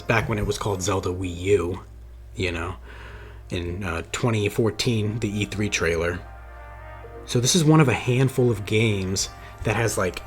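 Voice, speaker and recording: A man talking straight to his viewers about a video game he loves, earnest and rambling, with many restarts and fillers. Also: medium pitch. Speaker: gaming video creator. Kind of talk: casual monologue to camera. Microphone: camera-facing mic.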